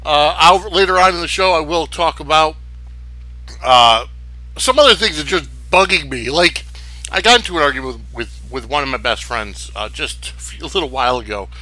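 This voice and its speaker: Bright-voiced man rambling on a podcast. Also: on the high side, moderate pace, low-quality recording. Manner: opinionated, rambling. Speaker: sports wrestling podcast host. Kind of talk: casual solo podcast commentary.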